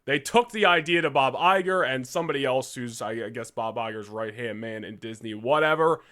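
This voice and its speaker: A man's voice: medium pitch, normal speed, bright, forceful tone. A young man co-hosting a podcast, chatting casually with loose slang and frequent laughter. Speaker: podcast co-host. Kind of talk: casual chat.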